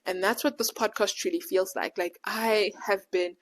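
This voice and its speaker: A woman's voice: medium pitch, moderate pace. Woman who says w for r. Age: late 20s. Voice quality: can't pronounce R, says w for r. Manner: animated, slangy retelling with quoted dialogue. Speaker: podcast host. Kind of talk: casual personal reflection, storytelling.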